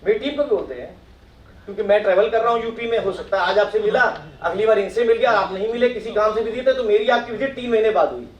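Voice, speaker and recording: Middle-aged male speaker at a professional meet; quizzes the room, high pitch, distant roomy sound. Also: fast. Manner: asks the audience questions and acts out their replies. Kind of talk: motivational talk to an audience. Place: meeting hall with audience. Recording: echoey hall, mic from far off.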